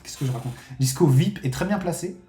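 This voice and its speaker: A man with a fairly high voice calls out his casino bets live, excitable and given to swearing. He talks straight to his viewers as his friends, and his voice rings a little in an echoey room. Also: brisk. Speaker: casino streamer. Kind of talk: live gambling commentary.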